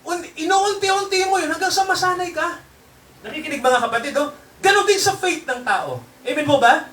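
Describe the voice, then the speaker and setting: A man's voice: very high-pitched, moderate pace, bright, forceful tone, reverberant, distant mic. A man preaching a sermon to his congregation in a mix of Tagalog and English, constantly checking in with tag questions. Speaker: pastor. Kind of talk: Taglish sermon.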